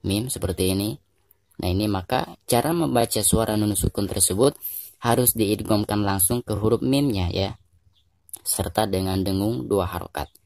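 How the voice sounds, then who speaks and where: Indonesian male recitation teacher, low dry voice, patient and repetitive, slows down for chanted examples. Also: creaky, darkish tone, no room sound. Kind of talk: tajwid lesson with recited examples.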